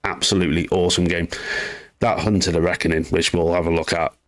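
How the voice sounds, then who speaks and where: Low-voiced man chatting on a stream. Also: flat delivery, quick pace. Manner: chatty, reads chat aloud, rambling asides. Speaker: gaming news livestream host. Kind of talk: casual live-stream commentary.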